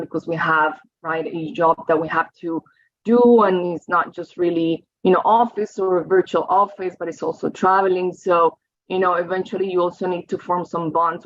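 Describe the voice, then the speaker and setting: Speaking as a guest over slides, a woman from Colombia reflects aloud, often tossing in "right?" and "you know." Her voice is on the low side with a fairly bright tone. The recording sounds dry and a little dull.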